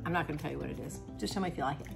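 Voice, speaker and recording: Chatty woman, lowish voice. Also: rapid-fire, vocal fry, over music. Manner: chatty, laughing, searching for words. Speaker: cooking vlog host. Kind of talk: casual chat.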